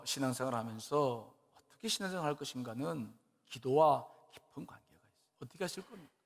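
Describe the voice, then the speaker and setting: Male pastor, fairly high voice, chatty sermon storytelling, long hall echo. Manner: colloquial storytelling with rhetorical questions. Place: church sanctuary. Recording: long church-hall reverb.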